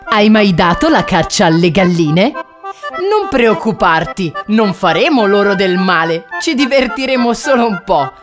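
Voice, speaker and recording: A woman's voice: mid-range voice, expressive, unhurried, music in the background, close to an everyday voice. A woman voicing a friendly, bold male stray dog who talks in an easygoing, reassuring way.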